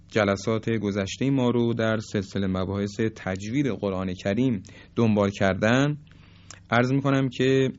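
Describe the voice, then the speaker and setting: A man teaching tajweed in a recorded lesson, patiently explaining and slowly demonstrating pronunciations. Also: lowish voice, muffled recording. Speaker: Quran recitation teacher.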